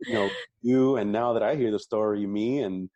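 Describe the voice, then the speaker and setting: On his fitness podcast, a host and coach has a relaxed conversation, affirming his guest and repeating words as he works through his thoughts. He talks at a moderate pace in a fairly low, slightly mellow voice with fairly even intonation and no room sound.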